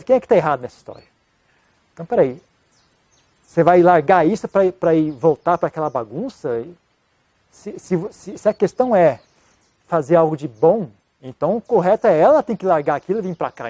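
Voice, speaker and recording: A man, a monk answering an interview question in a casual, halting way with many restarts. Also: fairly high pitch, sing-song, warm tone, dry recording. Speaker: Buddhist monk giving advice.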